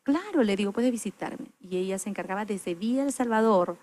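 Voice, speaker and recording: A woman's voice: medium pitch, brisk, darkish tone. A woman, a guest on an interview podcast, telling a personal story in an earnest, reflective way. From Peru. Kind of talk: personal testimony in a chat.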